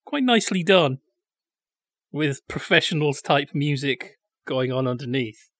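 A man co-hosting a film review podcast, chatting in a sardonic way and tossing in silly quick voices. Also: a little high, animated, a bit bright, dry recording, clean studio sound. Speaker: podcast co-host. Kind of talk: casual film review chat.

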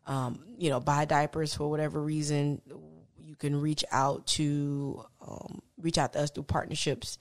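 A woman's voice: sits low, a little slow, few pauses. A woman who founded a small business, talking casually as an interview guest, laughing often. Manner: laughs often, relaxed and conversational.

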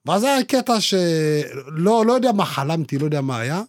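A young man co-hosting a chatty podcast, his voice sitting high and swinging widely as he tells a story. He talks in loose, animated slang. The recording is dry and close, with no room sound. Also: no room sound. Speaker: podcast co-host. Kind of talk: casual chat.

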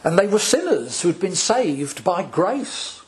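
A male priest preaching a sermon, slow and deliberate, with dramatic pauses between phrases. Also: sits high, sing-song.

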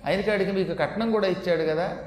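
A man's voice: a little high, a little fast, darkish tone, slight background noise, close to an everyday voice. A man voicing a goddess wife who defends herself with light jokes and pleads with her husband. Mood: teasing. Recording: echoey hall with faint ambience.

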